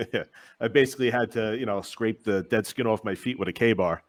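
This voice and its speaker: A man in his thirties with a fairly low voice hosts a casual podcast chat. He is friendly and talkative, and he laughs easily between his questions. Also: moderate pace. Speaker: podcast host, Marine veteran. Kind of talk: casual interview conversation.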